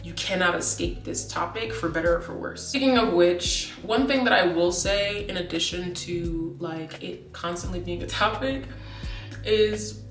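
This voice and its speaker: A woman in her late twenties with a lowish voice rambles through a casual vlog chat, peppering her thoughts with "like" and doubling back mid-sentence. She sounds set back from the mic in an echoey room. Faint music plays underneath. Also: unhurried, distant mic. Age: 20s. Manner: rambling, many "like" fillers and restarts. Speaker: vlogger.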